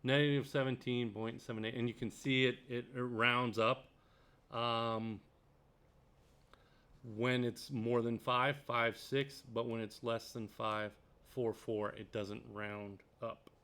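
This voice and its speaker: Slow, clear and resonant, this man's mid-range voice barely moves in pitch as he tutors programming on a screen recording. He reads from a textbook, comments on each passage, and thinks aloud with frequent ums and uhs.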